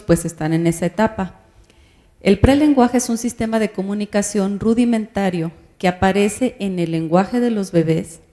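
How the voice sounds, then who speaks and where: A woman lectures to parents in a warm, mellow voice of middling pitch. She explains patiently and keeps turning to her listeners with questions. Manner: explanatory, asks the audience questions. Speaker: speaker on child language development.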